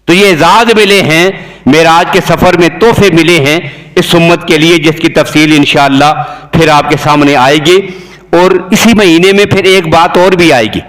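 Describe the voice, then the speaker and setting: A high-pitched man delivering a fervent religious sermon. His voice soars on the words he stresses, and it rings out with a long hall reverb behind it. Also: a bit bright. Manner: impassioned, voice leaping high on emphasized phrases. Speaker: mufti preacher.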